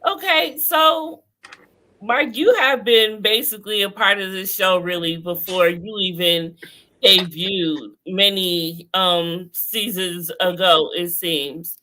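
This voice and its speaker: A woman hosting a casual online interview, unhurried and quick to laugh. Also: medium pitch, sharp tone. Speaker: host.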